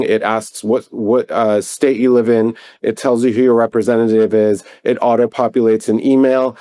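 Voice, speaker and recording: Lower-voiced man urging listeners. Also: mellow. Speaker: podcast guest. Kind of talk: casual podcast conversation.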